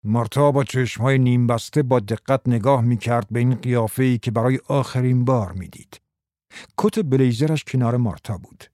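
A man narrating a story in a measured, even way. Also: mid-range voice, dry recording, clean studio sound. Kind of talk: scripted narration.

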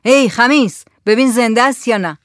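A woman voicing a gruff old male healer who asks loud, curt questions in an audiobook, recorded dry and close. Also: medium pitch, lively intonation, no echo, natural voice. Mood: gruff demanding. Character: gruff old healer man behind a curtain. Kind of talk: audiobook narration.

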